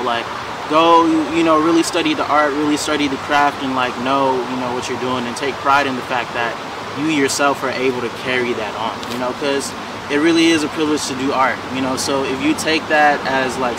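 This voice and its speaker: A man in his twenties, a musician being interviewed, talking in a relaxed way with lots of "you know" fillers. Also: medium pitch. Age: 20s. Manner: laid-back, many fillers like "you know". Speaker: musician guest. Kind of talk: casual interview chat. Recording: distant mic, loud outdoor traffic noise.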